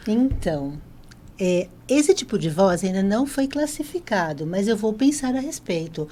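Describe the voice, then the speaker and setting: Brazilian woman, middle-aged, speech therapist guest, mellow tone, friendly explanatory podcast chat, faint hiss. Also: mid-range voice, sing-song, moderate pace. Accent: Brazilian Portuguese. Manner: friendly, explanatory, laughs easily. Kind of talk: casual podcast interview.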